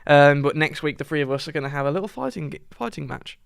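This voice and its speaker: Quick eager guy, higher voice. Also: expressive, vocal fry, smooth, no echo. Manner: quick, eager, repeats himself. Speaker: podcast co-host. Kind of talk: casual chat.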